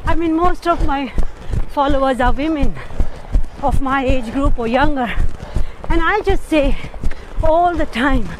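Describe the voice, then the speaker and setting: A woman speaking in short measured phrases while jogging outdoors, chatting casually for a vlog. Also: high voice. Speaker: health and fitness coach. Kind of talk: casual running vlog chat. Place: outdoors on a hilly mountain road. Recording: clear outdoor background noise.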